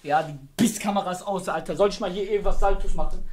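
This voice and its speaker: A young man co-hosting a livestream, shouting and teasing his partner in rowdy banter. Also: sits high, fast, roomy sound. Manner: loud, shouting and teasing, with swearing. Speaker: livestream co-host.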